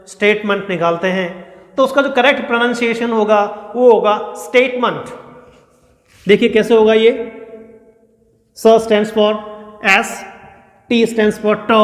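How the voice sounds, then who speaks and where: A man teaching an exam-prep English pronunciation lesson, drilling words slowly and repeating them, asking questions and answering them himself. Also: high-pitched, fairly bright tone. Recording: echoey room with long reverb.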